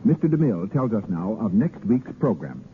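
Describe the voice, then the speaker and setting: A man's voice: fairly low pitch, sing-song, fairly quick. A man formally reading scripted announcements on a 1930s radio show, heard on an old broadcast recording. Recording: noisy, narrow-band 1930s radio recording.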